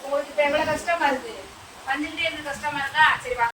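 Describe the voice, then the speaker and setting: A woman's voice: sits high, fairly even intonation, fast talker, lightly acted. A woman acting a strict aunt who scolds and lectures children at home. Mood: lecturing. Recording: echoey room, far from mic, noisy.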